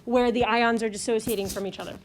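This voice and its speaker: A woman's voice: fairly high pitch, steady tone, quick pace, a little hiss or hum. A woman teaching a chemistry class, explaining step by step and checking in with "okay?" and "right?" after nearly every point. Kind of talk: classroom lecture.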